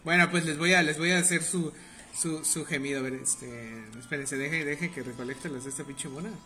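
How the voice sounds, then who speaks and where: A young man with a Mexican Spanish accent rambles through a live game stream, teasing his chat with crude banter. His voice sits a little high and comes across bright and forceful. A faint background hiss runs under the talk. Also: normal speed. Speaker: livestreamer. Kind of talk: casual live gameplay commentary.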